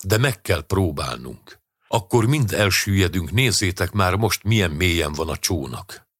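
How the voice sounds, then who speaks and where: This is a strong older rescuer, voiced by a man reading an audiobook. The voice sits very low and husky, and he speaks calm, steady and plain. The recording is close and dry. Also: dry recording, exaggerated voice. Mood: urgent.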